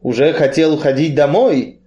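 A big, gloomy strongman with a muffled, blunt way of speaking, voiced by a man reading aloud. He talks slowly and heavily, and his voice sits a touch high. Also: dark tone, natural voice. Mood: grim. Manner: muffled, blunt, slow and heavy.

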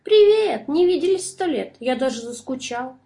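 Woman doing a squeaky boastful little mouse. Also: animated, a little slow, warm tone. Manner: squeaky, bold and cheeky. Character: small clever boastful male mouse.

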